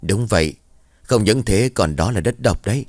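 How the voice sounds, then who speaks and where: A man's voice: on the low side, lively intonation, normal speed, darkish tone, dry recording, clean studio sound. A man playing a wary village neighbor. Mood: uneasy. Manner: hesitant, gossiping warnings. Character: helpful middle-aged village man, superstitious.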